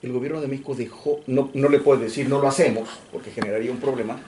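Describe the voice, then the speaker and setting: Animated Mexican man lecturing. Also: mid-range voice, fast, slight background noise. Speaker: guest lecturer. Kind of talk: lecture discussion. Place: library lecture room.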